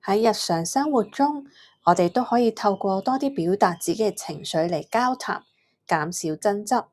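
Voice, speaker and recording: A woman with a Hong Kong Cantonese accent, presenting a scripted mindfulness lesson for children as a gentle emotion coach. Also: medium pitch, expressive, moderate pace.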